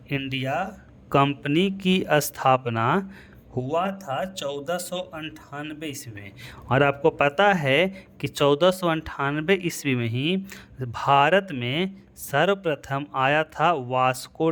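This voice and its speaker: A man's voice: a little high, fairly bright tone. A man teaching an exam-prep history lesson. He keeps asking "है ना" and chuckles at his own memory tricks. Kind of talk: lecture.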